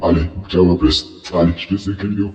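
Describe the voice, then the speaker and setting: A man's voice: low voice, level tone, fast talker, a little mellow, far from the mic. A man talking casually and apologetically to his viewers as a gaming video creator, his voice warped into a glitchy, half-robotic sound by a faulty screen recorder. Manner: apologetic, informal, addresses viewers as "les gens". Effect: glitchy half-robotic voice distortion from a faulty screen recorder. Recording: muffled, roomy recording with faint music.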